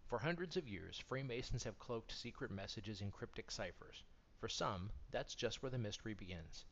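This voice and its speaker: Low-voiced man reading articles aloud. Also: a little hiss or hum. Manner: steady, measured read-aloud delivery. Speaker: reader of magazine articles. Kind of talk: scripted narration. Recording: dull lo-fi recording.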